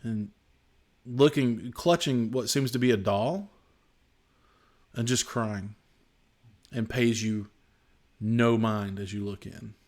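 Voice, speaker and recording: A man serving as game master, narrating the scene in an unhurried, descriptive way. His voice sits at an ordinary middle pitch, and he pauses with fillers as he sets each moment.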